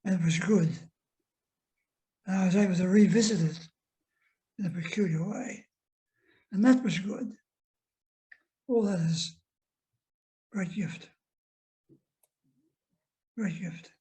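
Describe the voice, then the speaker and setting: Older man, guest minister, slow, warm mellow tone, gentle, halting. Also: high-pitched, poor audio. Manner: gentle, halting, trailing into soft asides. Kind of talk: reflective conversation.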